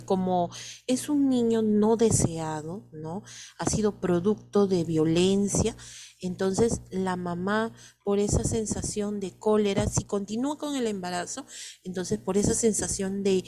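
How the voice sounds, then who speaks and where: A woman's voice: mid-range voice, slow, dark tone, slight background noise. A woman teacher with a Peruvian Spanish accent, lecturing students and asking many rhetorical questions.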